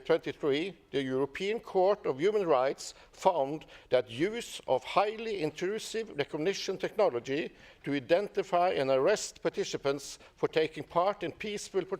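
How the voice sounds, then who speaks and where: A man speaking as a parliamentarian, reading a measured, formal statement to an assembly. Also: on the high side, darkish tone. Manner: measured, reads a prepared statement.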